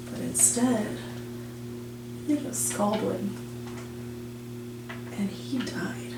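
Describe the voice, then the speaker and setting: A woman narrating as game master in a tabletop game, in plain, unhurried narration. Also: medium pitch. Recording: roomy, distant mic, noisy.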